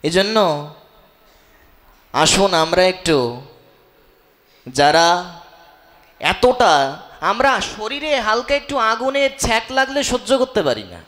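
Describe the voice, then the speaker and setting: A man's voice: high-pitched, big pitch swings, fairly bright tone. A man giving an impassioned devotional sermon and leading the crowd in chanting. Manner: slow, impassioned, leads chanting. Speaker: preacher.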